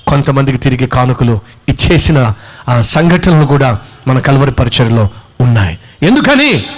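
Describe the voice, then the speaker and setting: A man preaching a sermon, driving his points home with repeated rhetorical questions. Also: mid-range voice.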